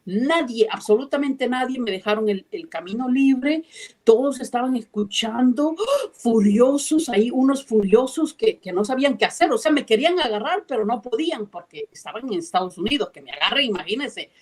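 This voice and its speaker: Lady guest, kinda high voice, telling her story all intense, repeats stuff for punch. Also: animated, moderate pace, a little mellow. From Peru. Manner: emphatic, repeats key phrases. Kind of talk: animated storytelling.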